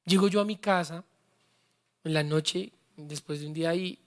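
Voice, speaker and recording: A man preaching as pastor speaks at normal speed in a slightly high voice. He's fervent, calling on the congregation to repeat words back, and he tells his own story in a personal, heartfelt way.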